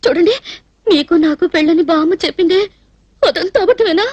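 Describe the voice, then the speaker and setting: A simple, emotional young bride-to-be in a film comedy. Her very high voice runs fast in a pleading sing-song, recorded dry and close. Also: darkish tone, no room sound, lo-fi sound. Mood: hurt. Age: young adult. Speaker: film character. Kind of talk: dubbed film comedy acting.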